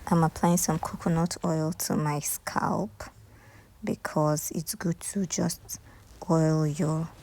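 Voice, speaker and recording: A Nigerian woman talking viewers through a hair tutorial in a casual voice-over, often dropping into soft, half-whispered asides. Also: sits low, fairly even intonation, slow pace.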